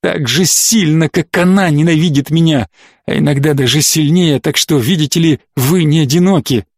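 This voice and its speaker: A man voicing a bitter, wounded young male officer who speaks in an intense, hushed, resentful tone, in an audiobook. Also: on the high side, moderate pace, dry recording, clean studio sound.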